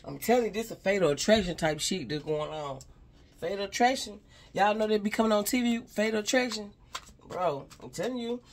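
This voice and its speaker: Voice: medium pitch, fairly quick. A spiritual advisor gives a casual, rambling reading to viewers. The speaker keeps repeating "you know what I'm saying," addresses an unseen person directly and sighs between thoughts.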